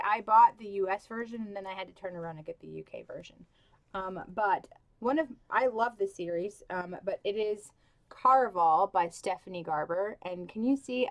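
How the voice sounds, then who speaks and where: A young woman chats to camera about books in a casual, gushing way, her speech loose and full of "like" and "um". Her voice sits at an ordinary middle pitch, and she has the hiccups. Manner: gushing, filler-heavy, with many "like" and "um". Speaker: book vlogger.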